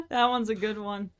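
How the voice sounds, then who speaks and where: A woman streamer playing a game and chatting casually, reacting loudly when things go wrong. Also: a little high. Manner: reacts loudly to her own misses. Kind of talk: casual chat while gaming.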